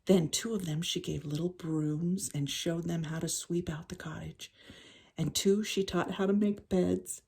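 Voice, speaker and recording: A children's story is read aloud by an older woman whose lowish voice is husky and breathy, her pace relaxed and her delivery expressive. A little hiss or hum sits in the recording.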